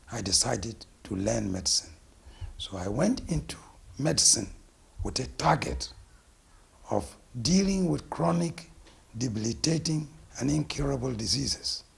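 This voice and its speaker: Middle-aged ghanaian guy, super gravelly and husky, talking about his clinic slow and emphatic. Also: medium pitch. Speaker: naturopathic physician. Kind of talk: self-introduction interview.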